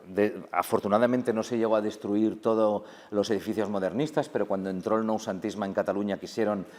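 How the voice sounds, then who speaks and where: Low-voiced man talking in an echoey hall. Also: steady tone, a little fast, a little mellow. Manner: explanatory, often ends with "¿no?", laughs easily. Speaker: guest professor of Catalan. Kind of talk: casual interview chat. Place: museum hall.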